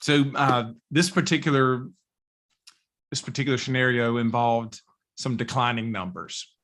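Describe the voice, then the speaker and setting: A man co-hosting a podcast tells a workplace story in a relaxed, conversational way. His voice sits at a middle pitch. He gets animated as he goes. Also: normal speed. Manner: animated, acts out quoted people in a raised voice. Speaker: podcast co-host. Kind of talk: casual storytelling.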